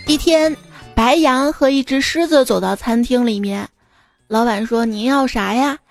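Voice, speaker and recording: A woman telling short animal jokes in a playful, lively storytelling manner. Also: fairly high pitch, measured pace, soft background music. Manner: playful, lively, giggling at punchlines. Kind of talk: joke storytelling.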